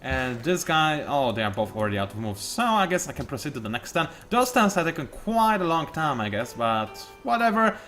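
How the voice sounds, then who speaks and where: Playing a strategy game, a man with a mid-range, a bit bright voice hosts a let's play. He talks casually, cracks jokes at his own expense and thinks aloud.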